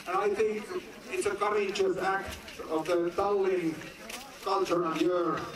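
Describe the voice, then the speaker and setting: A man from Finland with a Finnish accent giving an earnest, declamatory speech to an audience at a film screening, in short phrases with pauses. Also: high-pitched, steady tone, crowd noise. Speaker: guest speaker at a film screening. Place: large indoor venue. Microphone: phone recording from the audience. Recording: echoey hall, from far off.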